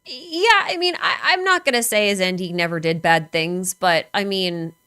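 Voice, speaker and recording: A woman's voice: medium pitch, normal speed, bright, forceful tone, clean tone, dry recording, clean studio sound. A woman streamer in casual chat, talking speculatively with many filler words.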